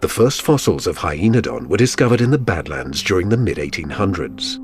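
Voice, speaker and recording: A man's voice: low voice, big pitch swings, a little fast, noisy background. A man reading scripted documentary narration in a dramatic manner.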